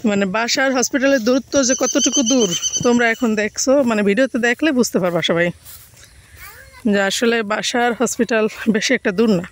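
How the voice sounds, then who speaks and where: A woman from Bangladesh vlogging as she walks along a village road, speaking quietly and a little muffled by a face mask. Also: fairly high pitch, fairly quick, a little hiss or hum. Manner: soft-spoken, talks quietly in public. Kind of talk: casual walking vlog.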